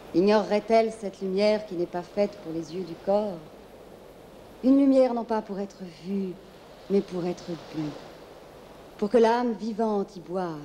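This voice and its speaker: A serene feminine spirit of the night, played by a woman, consoles in a dreamy, lyrical film monologue. The voice is fairly low and very mellow, lingering tenderly on short phrases. A faint noise sits behind it. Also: close to an everyday voice. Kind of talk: theatrical poetic monologue from a film.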